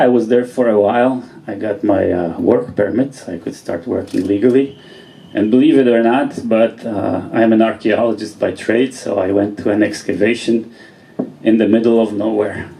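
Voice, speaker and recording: A Polish man in his thirties with a Polish accent does chatty, self-deprecating open mic stand-up on a small club stage in front of an audience, often laughing mid-sentence. His voice is fairly low and mellow, and the recording is rough.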